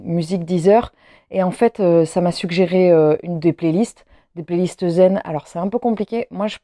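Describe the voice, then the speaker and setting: A woman's voice: fairly low pitch, mellow, dry recording, studio quality. A woman vlogger chatting casually to camera at home, rambling with frequent hesitations and restarts. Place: at home, seated.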